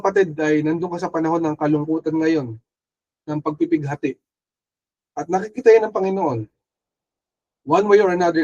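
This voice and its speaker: A man's voice: on the high side, darkish tone, muffled recording. A man with a Filipino accent, preaching an earnest, urging sermon that mixes English and Filipino. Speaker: pastor.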